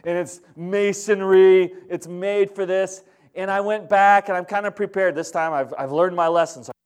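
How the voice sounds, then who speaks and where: A man preaching as pastor, his voice sitting high for a man. He tells stories in an animated way, acting out what each person said. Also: moderate pace, clear, resonant tone. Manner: storytelling with acted-out quotes, animated. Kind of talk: sermon.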